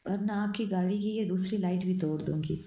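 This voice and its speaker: Brief: a fiery young heroine with a sharp tongue, read by a woman, low and gravelly, in a roomy echo. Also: brisk, lightly acted. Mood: angry. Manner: sharp, scolding. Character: feisty quick-tempered young woman.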